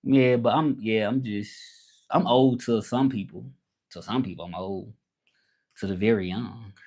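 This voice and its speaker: This livestream host, a Southern man and language content creator from the southern US, has a lowish, a little mellow voice with fairly even intonation and a slightly slow delivery. His talk is casual and colloquial, full of repeated phrases, and moves back and forth between English and French.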